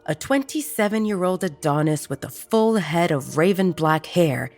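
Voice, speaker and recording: A woman narrating a romance audiobook in a steady, even storytelling manner. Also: on the low side, normal speed, soft background music.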